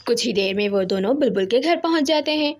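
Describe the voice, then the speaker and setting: Female storyteller for a kids' cartoon, fairly high voice, steady scripted narration. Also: fairly quick.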